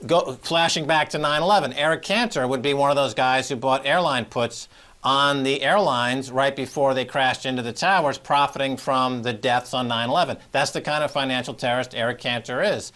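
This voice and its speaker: A man's voice: medium pitch, moderate pace, fairly bright tone. Male host, heated, emphatic financial commentary, mid-range voice. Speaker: show host.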